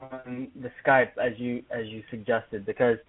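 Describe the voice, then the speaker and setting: A man's voice: medium pitch, little pitch movement, a little slow, husky, faint music behind. A man talking through a tinny cell phone connection that glitches and drops out every few seconds. He answers as a guest athlete, hesitant and filler-heavy, his words breaking up mid-sentence. The phone line strips his voice down to a thin, narrow sound. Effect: choppy cell phone audio that keeps dropping out. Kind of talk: casual interview over the phone.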